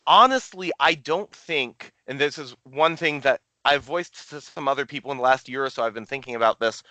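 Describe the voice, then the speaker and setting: A man's voice: fairly high pitch, bright, forceful tone, dry recording. A man hosting a podcast, explaining background in a casual, lecturing way. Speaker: podcast host.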